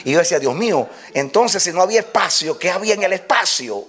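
High-voiced, emphatic male preacher. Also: animated, fast, fairly bright tone. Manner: emphatic, swings between high exclamations and low murmurs; calls out to the congregation. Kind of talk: sermon.

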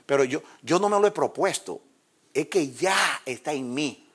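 Preacher guy, storytelling sermon, plays god and devil voices, goes quiet then loud. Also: a little slow, slightly rough. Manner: animated storytelling, acts out dialogue with God and the devil; swings from low murmurs to high cries.

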